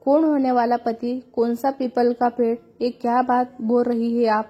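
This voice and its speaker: A woman's voice: fairly high pitch, level tone, normal speed, lo-fi sound, lightly acted. A woman reading a story voices a hot-tempered young working woman who snaps irritably. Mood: irritated. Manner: irritated, snapping.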